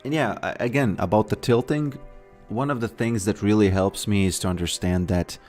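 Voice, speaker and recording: A man chats through a live game stream in a low, deep voice. He talks haltingly, repeating words and leaning on fillers. Faint music plays behind him. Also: darkish tone. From Latvia. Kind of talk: casual live-stream chat.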